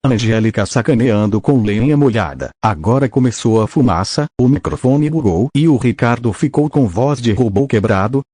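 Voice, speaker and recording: A man's voice: lively intonation, moderate pace, hardly any pauses, warm tone, husky, no room sound. Man with a broken-robot glitchy mic voice. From southern Brazil. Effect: glitchy broken-robot mic distortion, voice pitched down. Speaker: storyteller. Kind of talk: casual chat. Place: outdoors at a country property by a fire.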